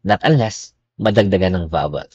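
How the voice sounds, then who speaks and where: Man, language teacher, casual explanatory lesson, animated intonation, dry close sound. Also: low-pitched, normal speed, slightly rough, no room sound, lo-fi sound. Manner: explanatory, repeats okay after points.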